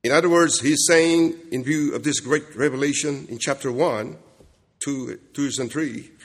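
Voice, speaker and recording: A man's voice: mid-range voice, normal speed. A man preaching an expository sermon with emphatic repetition, often checking in with short rhetorical questions. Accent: non-standard accent, self-described jokingly as Kentucky. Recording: echoey hall with long reverb.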